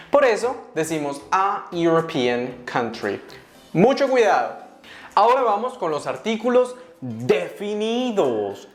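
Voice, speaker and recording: A woman teaching an English grammar lesson, lively and leaping up high on questions, slowing down to spell out example words. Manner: lively, bursts up high on questions and calls to attention. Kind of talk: video English lesson for Spanish speakers. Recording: roomy sound with soft background music.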